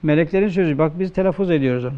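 A man with a Turkish accent, a religious teacher giving a classroom grammar lecture, who poses questions and answers them himself, and slows down to quote texts. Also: a little high, smooth, dull audio. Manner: asks questions and answers them himself, slow emphatic quoting.

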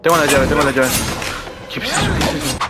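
A man's voice: a little high, very animated, quick pace. A man giving jokey horror game commentary as a streamer, often shrieking and yelping when startled. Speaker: gaming streamer. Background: game music.

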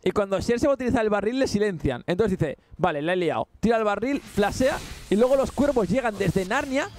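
Chatty Spanish esports co-caster, high voice. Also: male voice, animated, a little fast, a little mellow, slight background noise. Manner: chatty, jokey, laughs often. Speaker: esports co-commentator. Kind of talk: casual colour commentary.

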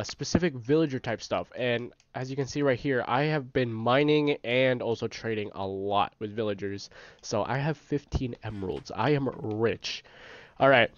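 A man with a stuffy nose giving casual, rambling gameplay commentary as the host of his own gaming channel, often correcting himself and getting excited. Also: medium pitch. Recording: dry, slightly dull home recording.

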